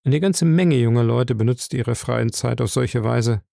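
A man narrating an audiobook in a steady, even storytelling manner. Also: medium pitch, unhurried, vocal fry, no room sound, clean studio sound. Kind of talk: scripted narration.

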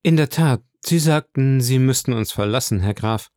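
A man voicing a proud aristocratic woman who asks quick, teasing questions, read as an audiobook figure. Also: mid-range voice, darkish tone, no room sound, studio quality, close to an everyday voice. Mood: coaxing.

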